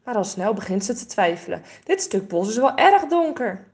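A woman reading a children's storybook aloud in a gentle, expressive way. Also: mid-range voice, normal speed.

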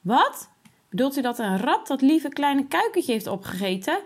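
A woman's voice: high-pitched, very animated, normal speed, darkish tone, pitched above the performer's own voice. A woman voicing a young schoolboy, curious and tender-hearted, who asks things in astonished exclamations.

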